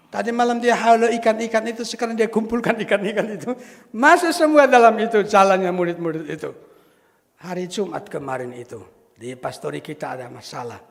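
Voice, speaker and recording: A man preaching a sermon as a pastor, lively, acting out the voices of Bible figures and chuckling at his own jokes. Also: sits high, creaky. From Indonesia. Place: church sanctuary. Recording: long church reverb.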